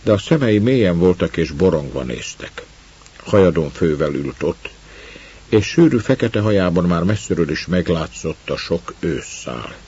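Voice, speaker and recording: A man narrates a story at a slow, measured pace. His voice is deep and husky. The recording sounds dull and lo-fi. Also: animated, a little mellow. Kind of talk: audiobook narration.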